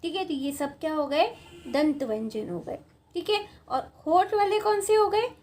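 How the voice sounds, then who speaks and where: A woman with a notably high voice teaches a grammar class at a board. She talks patiently, repeating points and checking in with the students. Her delivery sounds like a lesson that is walked through step by step. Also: expressive, normal speed, darkish tone. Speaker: Sanskrit teacher.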